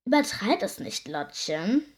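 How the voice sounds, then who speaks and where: A woman reading a storybook voices a pair of gruff male pirates who grumble and bluster. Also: medium pitch, expressive, a little fast, close to an everyday voice. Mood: grumbling.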